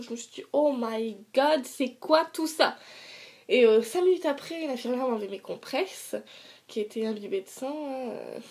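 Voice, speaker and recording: Higher-voiced young woman telling a personal story. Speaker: vlogger. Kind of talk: casual personal storytelling to camera.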